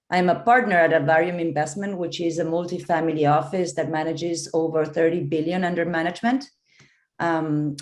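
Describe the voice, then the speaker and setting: Joining a conference panel remotely by video call, a woman from Argentina speaks as an investment partner. Her voice sits on the low side and sounds reverberant. She explains things steadily, using fillers.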